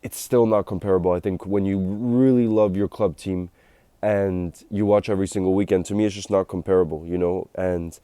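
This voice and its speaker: A man vlogging casually about football, congested from a cold and low on energy, rambling and chatty. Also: fairly even intonation, a little fast, dark tone, clear, resonant tone, no echo. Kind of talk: casual talk to camera.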